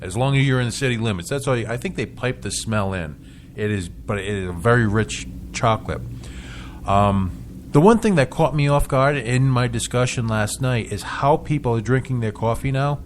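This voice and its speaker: A man's voice: medium pitch, expressive, normal speed, slight background noise. A man hosting a casual local radio talk show, chatting with frequent stumbling restarts and chuckles.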